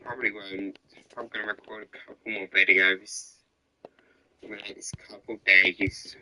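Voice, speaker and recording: A tired man giving casual, low-key commentary while playing a football video game, trailing off into whispered asides. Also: flat delivery, unhurried, bright, forceful tone, slight background noise, low-quality recording. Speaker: gamer.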